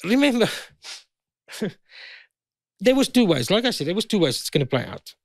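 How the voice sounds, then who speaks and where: A man's voice: sits high, big pitch swings, normal speed, a little mellow, no room sound, studio quality. A South African man in his fifties, a guest in a heated conversation, pressing and repeating his points. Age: 50s.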